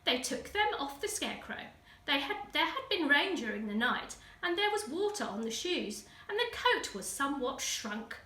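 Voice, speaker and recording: Her voice is high, with big pitch swings, a sharp tone and normal speed. An English-accented school teaching assistant reads a children's story expressively and dramatically for young listeners; the distant microphone picks up a roomy echo.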